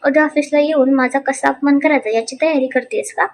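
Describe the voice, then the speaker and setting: A proud, hot-tempered young husband, read by a woman narrator in a storybook serial. He snaps and scorns in a high voice. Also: a little fast. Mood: angry. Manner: sharp, scornful, shouting. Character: angry arrogant young husband.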